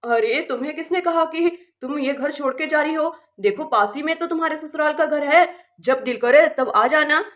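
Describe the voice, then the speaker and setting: A woman's voice: sits high, normal speed, fairly bright tone. A woman voicing a caring man, a village husband and elder brother in a doll-play village drama, who speaks in a firm but consoling way. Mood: earnest.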